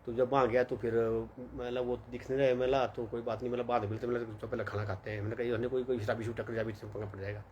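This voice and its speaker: A young man with a lilt rambles through a personal story, with plenty of fillers and with each character's lines quoted. His voice sits at an ordinary middle pitch. A faint hiss of background noise sits under it. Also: level tone, fast talker, hardly any pauses, darkish tone, highs cut off. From Himachal Pradesh, India. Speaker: vlogger. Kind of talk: casual storytelling monologue.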